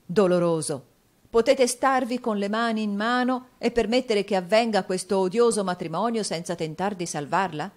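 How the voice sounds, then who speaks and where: Storybook: excitable middle-aged male clerk, cryptic and outraged, put on by a woman narrator. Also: lowish voice, normal speed, close to an everyday voice. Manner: loud and urgent.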